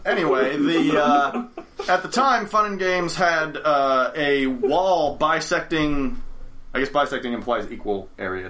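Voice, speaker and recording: Young man, bright forceful voice, rambling podcast storyteller, self-correcting. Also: fairly high pitch. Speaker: game store owner, podcast storyteller. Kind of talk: casual podcast chat. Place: studio.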